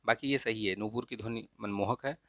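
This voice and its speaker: A man teaching an exam-prep lesson in a casual, explanatory way, often checking in with "ठीक है?" and slowly repeating correct spellings. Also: on the low side, fairly bright tone, dry recording. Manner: frequent checks of "ठीक है?" and filler "अ"; repeats the right spellings slowly to stress them. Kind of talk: casual explanatory lesson, walking through a paper.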